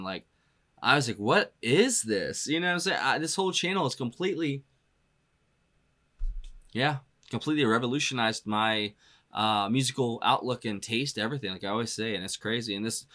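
A man's voice: mid-range voice, pushed and bright. A man talking loosely through a casual music reaction as a drummer, filling his speech with "you know" and "like" and laughing often as he goes.

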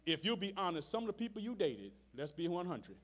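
A man preaching to his congregation, his voice sitting high for a man and swinging widely up and down. He talks plainly to the room, calls out to the people in front of him, and drives his points home by repeating phrases in a steady rhythm. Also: fairly quick. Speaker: pastor. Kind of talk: sermon. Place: church sanctuary, live service.

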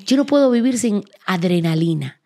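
A middle-aged woman from Cuba hosts a podcast in easy conversation. Her voice sits in a middle pitch, and she stresses her points by saying them twice. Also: lively intonation, moderate pace, darkish tone. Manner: emphatic, repeats words for emphasis. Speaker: podcast host. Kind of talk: casual chat.

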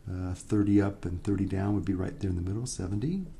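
A man's voice: low voice, quick pace, gravelly, warm tone, slight background noise. A man giving a recorded economics lecture, working through problems step by step and often checking in with "right?". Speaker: economics instructor.

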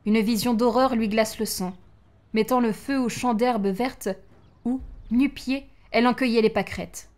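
Expressive woman narrating a story. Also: a little high, measured pace. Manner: expressive, acting out each line.

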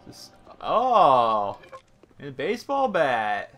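A man giving casual let's play commentary over a zombie game, excitable and chatting to the enemies on screen. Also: on the high side, slow pace. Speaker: gaming YouTuber. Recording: game sound loud behind the voice.

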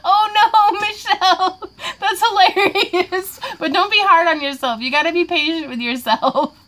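A woman's voice: very high-pitched, lively intonation, takes it slowly, sharp tone. A woman, chatting and laughing a lot while crafting on a live Q&A, a little tipsy. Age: 20s. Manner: giggly and rambling, laughs often. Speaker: craft vlogger hosting a live Q&A. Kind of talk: casual livestream chat while crafting.

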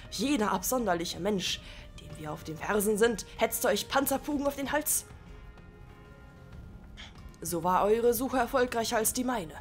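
A woman's voice: medium pitch, natural voice. A woman reading a solemn male warrior in a video game, with stately, old-fashioned phrasing.

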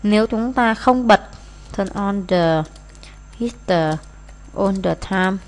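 A woman's voice: medium pitch, takes it slowly. A Vietnamese-speaking woman teacher walking through exam answers, reading English phrases aloud with frequent hesitant fillers.

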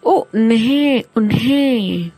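A woman teacher dictates words to young children at a very slow, deliberate pace, sounding each one out piece by piece. Her voice is warm and mellow, recorded close in a dry space. Soft music plays faintly underneath. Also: on the high side, animated, no room sound. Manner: patient, repeats words and spells them out sound by sound.

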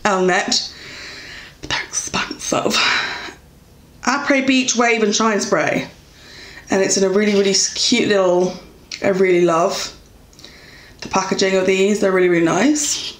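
A woman's voice: mid-range voice, level tone, moderate pace, long pauses. A young English woman chatting casually while reviewing beauty products, with lots of fillers and self-corrections. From England. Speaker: beauty vlogger. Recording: echoey room.

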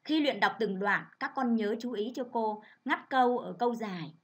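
A woman teacher leads a reading lesson for children. She reads in a clear, measured, instructive way. Her voice sits a little high. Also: fairly bright tone. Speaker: primary school teacher.

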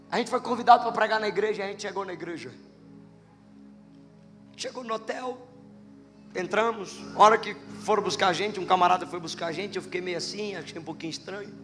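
A male Brazilian pastor preaching a sermon, telling a testimony as a lively storyteller who jokes with the congregation. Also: high-pitched. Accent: Brazilian Portuguese. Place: church hall. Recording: long church hall reverb with faint music.

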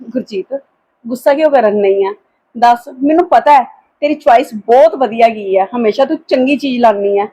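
A woman acting a gentle elder sister-in-law in a home drama skit, soft-spoken and hesitant, often trailing off. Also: a little high, normal speed, husky, dull audio. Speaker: actor in a family skit.

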